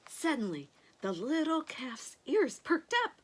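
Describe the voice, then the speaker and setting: A sweet, grandmotherly older woman reads a picture book aloud to children, expressively drawing out key words and adding gentle asides. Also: high-pitched, big pitch swings, unhurried, a little hiss or hum. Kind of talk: animated read-aloud storytelling with asides to young listeners.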